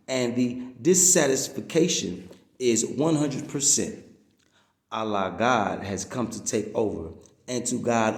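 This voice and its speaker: In a roomy recording, a man with a creaky, darkish, medium-pitched voice reads out a religious-political message. He delivers it emphatically like a sermon, lengthening the words he stresses.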